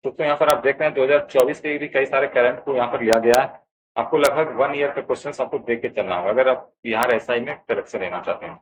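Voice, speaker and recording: A mid-range, fast-talking man with a Bihari Hindi accent explains an exam answer key one option at a time, steady in his explanations. He speaks to his viewers as friends, and the audio quality is poor.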